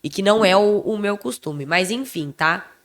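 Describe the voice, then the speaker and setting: A young woman with a Brazilian Portuguese accent co-hosting a podcast in casual chat, emphatic and expressive, a little under the weather. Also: medium pitch, moderate pace. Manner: expressive, emphatic, self-described loud voice. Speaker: podcast co-host.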